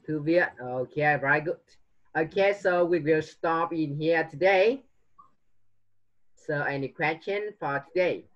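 A man's voice: fairly high pitch, takes it slowly, a bit bright, dull audio. A man tutoring a young pupil one-on-one online, patiently coaxing answers and mixing English prompts into his teaching.

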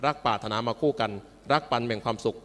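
A man's voice: medium pitch, fast talker, fairly bright tone. A man giving a humorous, playful sermon to students as a monk preacher, joking and calling his listeners children. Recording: reverberant hall with faint music.

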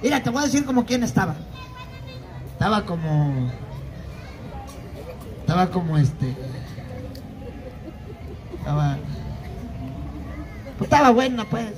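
Male street clown, Guerrero Mexican accent, very high voice, boastful slangy patter, PA in a busy crowd. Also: big pitch swings, measured pace, long pauses. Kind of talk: comic street show banter. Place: outdoor public plaza at night. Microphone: handheld mic through PA, filmed from audience. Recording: amplified outdoor speaker amid crowd.

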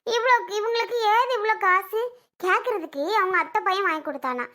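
A woman's voice: very high voice, expressive, fairly quick, bright, forceful tone, exaggerated voice. A woman playing a suspicious young wife who accuses her relatives in a family skit. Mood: accusing. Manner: accusing, cutting, argumentative. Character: sharp-tongued young wife, suspicious and scolding. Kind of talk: home video family skit.

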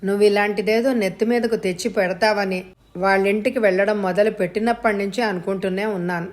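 A woman's voice: mid-range voice, natural voice. A woman voicing a stern, worried middle-aged mother who scolds sharply in an audiobook story.

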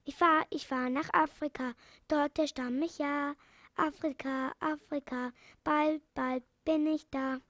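A woman reading a storybook aloud, voicing an excited monkey who chants in a sing-song way. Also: high-pitched, measured pace, no echo, clean studio sound. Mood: gleeful.

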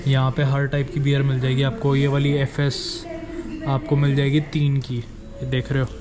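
A man's voice: medium pitch, completely flat delivery, normal speed. A young man from India chatting casually as a travel vlogger, walking outdoors and then through a supermarket, filming himself on a handheld action camera and explaining prices to viewers. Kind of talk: casual travel vlog chat. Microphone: action camera held at arm's length.

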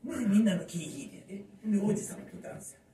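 A man's voice: high-pitched, quick pace. A man in his fifties with a Kansai accent doing a stand-up comedy monologue, telling a story and acting out voices. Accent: Kansai Japanese. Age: 50s. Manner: lively storyteller who acts out voices. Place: small underground live venue. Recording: echoey room from far off.

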